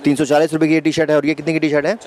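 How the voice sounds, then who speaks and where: A man in his thirties with a slightly high voice shows viewers around a garment shop, talking into a handheld mic. He keeps it lively and repeats each price back to the camera. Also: rapid-fire. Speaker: host showing a wholesale shop. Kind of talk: energetic shop-tour presenting. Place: indoor garment shop and office.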